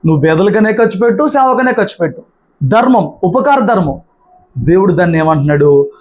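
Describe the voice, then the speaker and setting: High-voiced preacher man, emphatic and repetitive. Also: animated, fairly quick. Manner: emphatic and repetitive, firing rhetorical questions. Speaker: pastor. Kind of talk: sermon.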